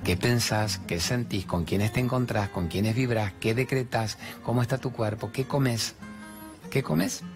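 A man's voice: lowish voice, unhurried. Older man, Rioplatense Spanish accent, motivational host, playful storyteller, faint background music. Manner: playful, acts out dialogue in raised voices. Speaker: host giving motivational talk. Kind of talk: animated spiritual pep talk.

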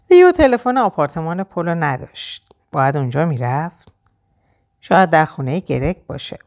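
A woman narrating an audiobook, reading the story in a relaxed colloquial spoken register. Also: low voice.

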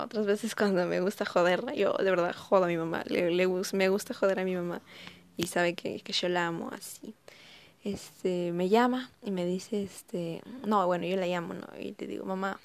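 A woman's voice: lowish voice, fairly even intonation, normal speed. An eighteen-year-old woman with a Peruvian accent telling family stories in a chatty, casual way, full of fillers. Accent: Peruvian Spanish. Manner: chatty, lots of fillers and laughing asides. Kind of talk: casual storytelling monologue.

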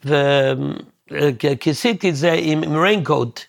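Gravelly man telling a halting story. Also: fairly high pitch, dry recording, studio quality. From Williamsburg, New York. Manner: halting, searching for words, many restarts. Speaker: guest composer. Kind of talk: casual storytelling interview.

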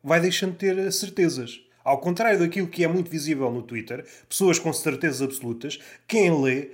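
A man with a European Portuguese accent talks with a slightly raised pitch, reflective and measured. He builds his points carefully in a casual podcast conversation. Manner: reflective, measured, fond of quotations.

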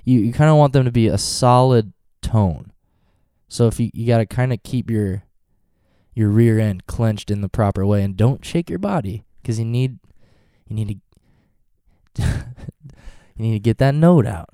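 Fairly low-pitched and a little slow, this vlogger pauses often as he talks in a warm tone. He's a touring band musician in his twenties with a stuffy cold, rambling casually through goofy tangents and jokes. The clean studio sound has no echo.

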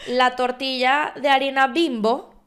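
A woman's voice: high voice, fairly even intonation, unhurried, a bit bright. A young Venezuelan woman with a Venezuelan accent, hosting a casual podcast chat and telling stories with slangy, laughing asides. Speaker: podcast host.

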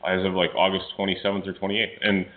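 Co-hosting a casual sports radio talk show, this man rambles quickly with lots of fillers, his low voice completely flat. He has a cold, so he sounds nasal, and the audio is tinny and phone-like.

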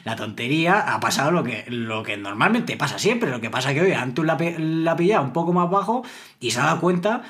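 A man's voice: a little high, expressive, a little fast, fairly bright tone. A man casually telling a cycling anecdote on a podcast, acting out what his friends said. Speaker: podcast co-host. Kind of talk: casual storytelling chat.

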